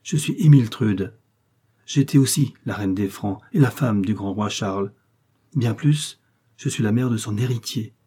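Brusque haughty exiled queen, man voicing her, low and dusky tone. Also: unhurried, dark tone, husky. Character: proud, jealous exiled queen, tall and harsh.

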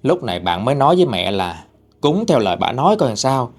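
A man's voice: mid-range voice, very animated, quick pace, breathy edge, faint music behind. A man telling a ghost story in a casual, conversational way.

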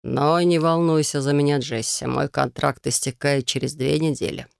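A reader voicing a kind male magister, a mentor who talks calmly and softly. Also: fairly high pitch, normal speed, gravelly, clean tone, no room sound, studio quality. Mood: gentle.

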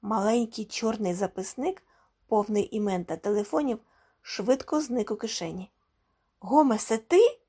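A woman reading a short story aloud as a calm, measured audiobook narrator. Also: medium pitch, slightly rough. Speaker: audiobook reader. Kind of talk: scripted narration.

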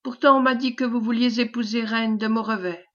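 A woman's voice: fairly high pitch, fairly even intonation, brisk, fairly bright tone, lightly acted. A woman reading the part of a sly, mock-humble male peasant informer, in a wheedling manner, on a dull lo-fi recording.

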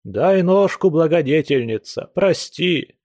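A man's voice: on the high side, animated, unhurried, dark tone, no echo, clean studio sound, pitched above the performer's own voice. A man voicing a maudlin drunken old house guest. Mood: drunken pleading. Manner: wailing, churchy pompous phrasing.

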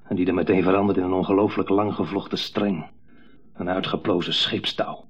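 In a brisk, fairly even delivery, a low, gravelly, husky male voice plays a resentful grown son controlled by his mother. The brooding, intense monologue comes from a 1970s radio drama with dull broadcast sound.

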